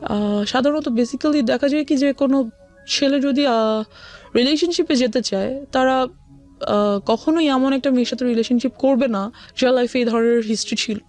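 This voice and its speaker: Her voice sits high yet has a darkish tone as this young Bangladeshi-accented guest recounts her life experiences at a normal speed. She slips into English often while speaking Bengali, confessionally, and music plays behind her throughout.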